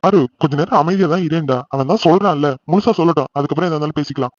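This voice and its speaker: A man voicing a calm, reassuring middle-aged father in a family cartoon. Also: fairly high pitch, rapid-fire, no room sound, dull audio, natural voice. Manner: gentle, reassuring. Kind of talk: cartoon voice acting.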